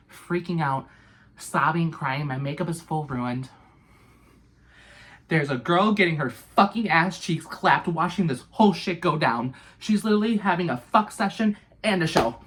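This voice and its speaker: A young woman with a notably low voice, telling a wild storytime in a loose, profane, dramatic way. She piles on fillers and asides as she goes. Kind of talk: casual storytime.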